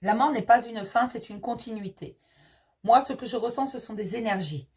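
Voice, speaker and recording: A woman's voice: fairly high pitch, normal speed, a little mellow, slightly rough. A woman medium giving a casual tarot reading, reassuring and chatty, addressing the listener affectionately. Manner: reassuring, calls the listener "mon petit chéri"; chatty, with frequent fillers and repeats.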